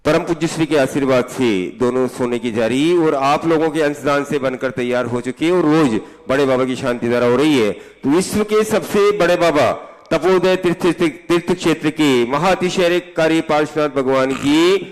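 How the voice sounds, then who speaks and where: A man announcing callers and reading out lists of donations in a formal, steady way. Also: fairly high pitch, normal speed, long reverb tail, poor audio. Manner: reads lists of names steadily.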